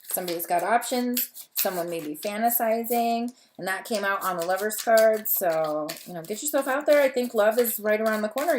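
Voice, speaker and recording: A woman's voice: medium pitch, slight background noise. Chatty, gushing woman reading tarot. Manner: chatty, gushing, long-winded, easily excited. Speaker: tarot reader. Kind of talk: casual tarot reading to camera. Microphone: camera.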